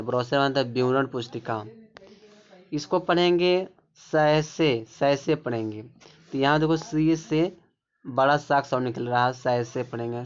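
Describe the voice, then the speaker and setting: A man's voice: medium pitch, clean tone. A man teaching English pronunciation rules, explaining word by word and pointing things out again and again. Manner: repetitive, keeps pointing things out. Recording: dull lo-fi recording.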